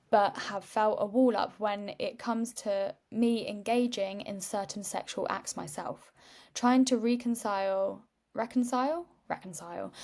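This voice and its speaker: A woman with a mid-range, darkish voice hosts a podcast in a casual chat. She comes across as chatty, rambling and tired, and she laughs often.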